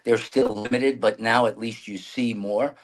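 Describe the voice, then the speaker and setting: A New York City man, a mayoral candidate appearing as a guest, answers interview questions earnestly but ramblingly, often restarting his sentences. His medium-pitched voice is steady and unhurried, though the audio quality is poor.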